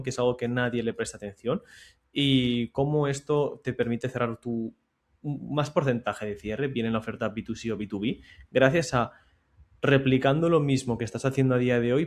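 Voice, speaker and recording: A man, speaking at a middling pitch, explains sales calls in a loose, chatty way. He talks in quick bursts and then turns quiet and slow to show how a question should land. It sounds like a sales coach talking straight to his viewers. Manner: talks in bursts, drops volume and slows to demonstrate soft questions. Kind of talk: casual explainer to camera.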